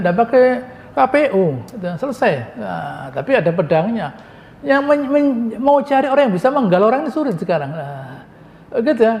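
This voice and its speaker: A man's voice: high voice, darkish tone. A man giving a mosque lecture on Quran commentary, talking conversationally, answering his own rhetorical questions and dropping joking asides. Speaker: Islamic preacher. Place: mosque hall. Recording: long reverb of a mosque hall.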